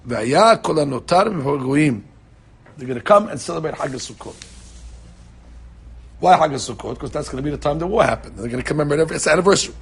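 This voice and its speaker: Gravelly man teaching a Talmud class. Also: on the high side. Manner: animated, repeats words, acts out quoted people. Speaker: Torah teacher.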